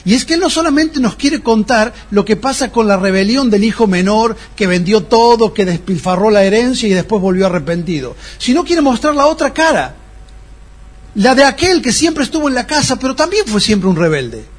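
A male pastor delivers a teaching sermon in a fairly high voice. His tone is husky and a little breathy. He keeps drawing the listeners in with rhetorical questions. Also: sing-song, normal speed.

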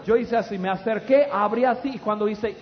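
A middle-aged preacher with a very high voice, telling stories in an animated, loud rush with stammered restarts. His voice carries through a long-echoing hall on a dull recording, a congregation faintly audible behind him. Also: fairly quick. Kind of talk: humorous storytelling sermon. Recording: dull, echoey hall with audience.

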